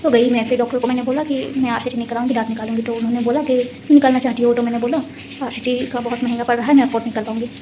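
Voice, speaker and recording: A woman's voice: on the high side, flat delivery, racing, noisy background. A young woman vlogging casually in a rambling, exasperated way, her speech slightly slurred from dental anesthesia. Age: young adult. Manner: chatty, rambling, exasperated asides. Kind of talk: casual vlog chat. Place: hostel room.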